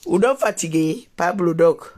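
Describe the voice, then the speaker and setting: A high-voiced, slow-talking old woman, put on by a man, who groans about her aching bones and grumbles the same complaints again and again. She is quick to take offence, dwelling on how annoyed she is. A live comedy character bit. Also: darkish tone, lightly acted. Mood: indignant. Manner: groaning, sighing, repetitive grumbling. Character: grumpy achy old woman, easily annoyed.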